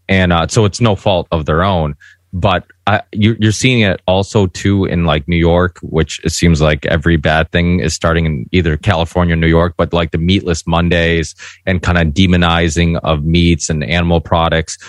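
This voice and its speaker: A man's voice: sits low, steady tone, moderate pace, no echo, studio quality. A man from Portugal, a podcast host, talking earnestly and rambling a little in a casual panel discussion.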